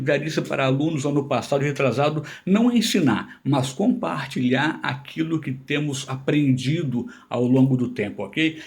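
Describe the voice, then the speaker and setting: A man's voice: on the high side, gravelly, a little mellow. A man giving an informal grammar lesson, explaining patiently and checking in with his listeners. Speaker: Portuguese language teacher.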